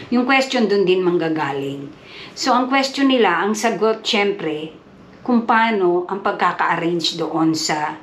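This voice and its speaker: A woman with a slightly low voice explains things slowly and patiently in a casual vlog, mixing English terms into Tagalog and leaning on fillers. Her voice. It is recorded in an echoey room with faint background noise. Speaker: vlogger explaining an English test.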